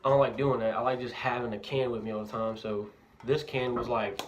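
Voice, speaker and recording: A man's voice: mid-range voice, flat delivery, brisk. A young man talking casually with a lip full of dip, reviewing a product in a bathroom. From Louisiana, United States. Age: young adult. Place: indoors, bathroom at a house. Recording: noisy amateur bathroom recording, clicks.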